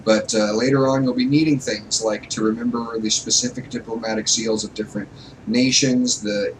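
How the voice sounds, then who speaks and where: A man's voice: on the low side, steady tone, normal speed. A man hosting a casual let's play at home, explaining the game in a conversational way with fillers, heard with faint noise from a distant mic. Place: home, with his wife.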